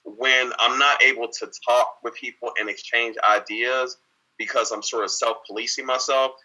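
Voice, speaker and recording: A man gives a candid interview as a guest, earnest and reflective, with lots of repeated words and restarts. His mid-range voice is steady, pushed and bright, at normal speed, and the audio is poor.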